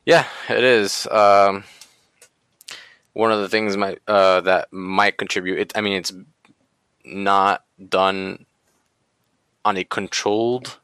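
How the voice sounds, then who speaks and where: A man's voice: on the low side, steady tone, slow pace, long pauses, fairly bright tone, clear, resonant tone, no echo. A man hosting a casual talk show, speaking hesitantly with many fillers. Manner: hesitant, many ums and likes. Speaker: podcast host. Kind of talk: casual chat.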